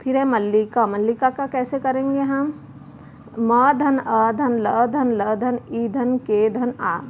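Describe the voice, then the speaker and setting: A woman teacher going slowly through a children's worksheet, spelling words letter by letter and answering her own questions. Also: on the high side, steady tone. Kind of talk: slow worksheet lesson for children. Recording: muffled home video with faint noise.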